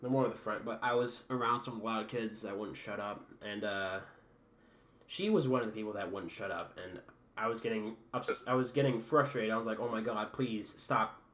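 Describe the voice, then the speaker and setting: Recorded in an echoey room with a faint hum, a teen podcast host speaks briskly in a lowish, fairly bright voice. He tells rambling, foul-mouthed stories in a casual chat, laughing at his own jokes.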